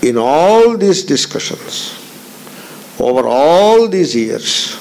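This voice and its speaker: A man's voice: a little high, big pitch swings, slow, vocal fry, darkish tone, a little hiss or hum, low-quality recording. A man giving a spiritual discourse, emphatic, repeating phrases and putting pointed questions to his listeners. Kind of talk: Vedanta discourse.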